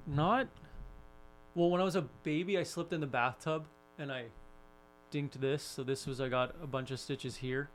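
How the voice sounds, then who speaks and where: A man with a somewhat higher voice rambles through personal stories in relaxed podcast talk. His delivery is loose and conversational. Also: normal speed, a little hiss or hum. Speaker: podcast co-host. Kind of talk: casual chat.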